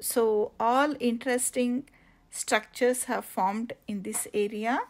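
A woman narrating a casual travel vlog outdoors on coastal cliffs, halting with many fillers and restarts. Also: a little high, steady tone. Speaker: travel vlogger.

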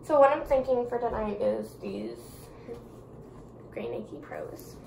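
A woman's voice: a little high, wildly swooping pitch, slow, echoey room, background noise. A young woman vlogging in a casual, giggly, playful way, talking straight to her viewers. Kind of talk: casual vlog chat.

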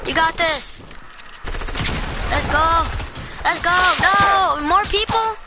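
A young gamer chatting with a teammate during a match, getting excited and yelling when in danger. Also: female voice, very high-pitched, takes it slowly. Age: child. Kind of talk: casual gaming chat. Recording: noisy game audio behind.

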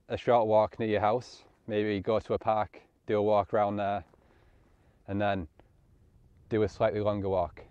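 A landscape photographer stands on an open grassy hillside giving matter-of-fact hiking tips in a casual instructional vlog to camera. His voice is on the low side, mellow and clean, with no echo, though the highs are cut off.

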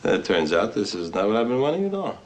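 An actor playing a tipsy, boisterous novelist who rambles and laughs, lonely under the bluster. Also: male voice, on the low side, very animated, quick pace. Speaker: writer. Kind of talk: 1960s film acting. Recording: old film soundtrack, faint hiss.

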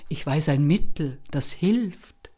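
A shrewd old village woman explains a remedy in a calm, knowing way, firm and brisk, as a storyteller plays her. Unhurried, matter-of-fact, with a little mischief, in a told folk tale. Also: low-pitched, heavily acted. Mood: instructive. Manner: soothing, then brisk and instructive.

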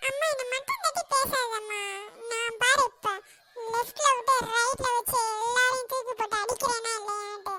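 A woman's voice: very high-pitched, moderate pace, sharp tone. A woman voicing a boastful, jumpy young adult daughter in a cartoon, whiny and pleading one moment and full of big boasts the next. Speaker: cartoon character.

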